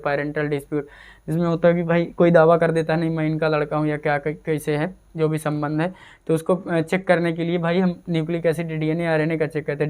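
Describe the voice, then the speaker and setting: A man's voice: fairly high pitch, darkish tone, clear, resonant tone. A man giving a casual exam-prep chemistry lecture, repeating terms and asking and answering his own questions. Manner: repetitive drilling, asks and answers own questions. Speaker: chemistry teacher.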